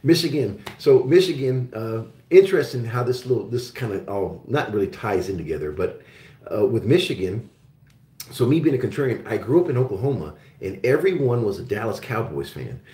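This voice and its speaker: The host, originally from Germany but raised in Oklahoma, takes calls live about metals and resource stocks, his medium-pitched, mellow voice very animated and a little fast. He rambles, restarting sentences and leaning on fillers, in a room with noticeable echo.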